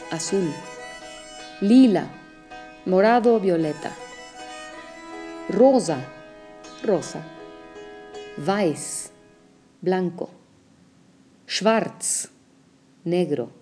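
A woman teaching an audio language lesson, explaining pronunciation slowly and carefully. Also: lowish voice, warm tone.

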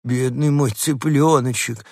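A man's voice: medium pitch, unhurried, no room sound, studio quality, voice pushed up, close to an everyday voice. A man voicing a fussy middle-aged woman in a storybook reading, gushing and effusive.

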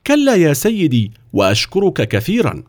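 Storybook peasant, modest and calm, raised a little in pitch, as a male narrator puts him on. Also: normal speed, no room sound, clean studio sound. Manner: calm, simple. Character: humble brave peasant man, calm and modest.

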